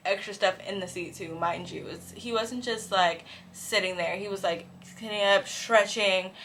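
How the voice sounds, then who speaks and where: A young woman vlogger chatting casually through a storytime as she gets ready, animated and profane, full of "like" and "bro". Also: mid-range voice. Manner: animated, swings between loud and hushed. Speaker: beauty and lifestyle vlogger.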